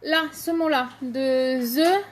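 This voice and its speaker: A woman's voice: high-pitched, slow, loud music behind the voice. A woman hosting a casual live stream, chatting to viewers by name and showing makeup products, with many fillers.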